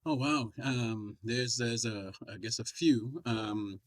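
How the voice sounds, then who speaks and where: A middle-aged or older man from the US Virgin Islands, a podcast guest talking casually and pausing often to find his words. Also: mid-range voice, no echo, clean studio sound. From US Virgin Islands (St. Croix). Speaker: podcast guest, therapist and life coach. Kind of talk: casual interview talk.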